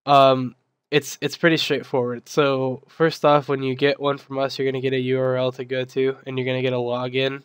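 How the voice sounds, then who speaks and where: A young server admin whose voice is still weak from being sick gives a software tutorial casually, full of ums and restarts, as he recovers from losing his voice. His delivery is very flat and monotone at medium pitch and normal speed. The sound is smooth, clear, dry and close, without room echo.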